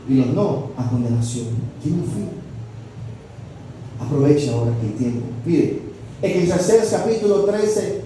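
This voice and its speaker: Pastor guy preaching, dark mellow voice, kinda high for a man, sounds far off in a boomy room. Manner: preaching with rhetorical questions and sudden loud peaks. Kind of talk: sermon. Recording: echoey room, off-mic, faint background noise.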